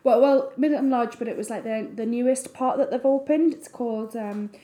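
A woman's voice: a little high, brisk, dark tone. A young woman, a wedding photographer chatting casually as a podcast co-host with lots of fillers. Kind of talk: casual chat. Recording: echoey room.

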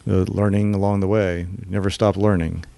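A man's voice: low-pitched, steady tone, normal speed, vocal fry, warm tone, no room sound. A man graduating from seminary, answering interview questions in a sincere, emphatic way.

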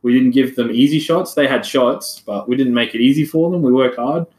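Measured man breaking down football. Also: mid-range voice, darkish tone. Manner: thoughtful, measured, long explanations. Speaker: podcast co-host. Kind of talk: casual chat, football analysis. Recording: echoey room.

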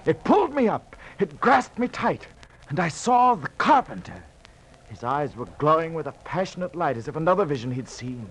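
This man's fairly high, fairly bright, slightly rough voice moves in a sing-song at a moderate pace and is heavily acted. He portrays a guilt-ridden sailor recounting his doomed voyage, with haunted awe and fervent, anguished declamation in verse-like 1940s radio drama narration. The old radio recording is noisy.

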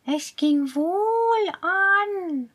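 A woman's voice: very high-pitched, lively intonation, fairly bright tone, voice pushed up, full character voice. Woman doing a sly greedy meowing cat. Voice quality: meowing, purring. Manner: drawn-out, scheming delivery.

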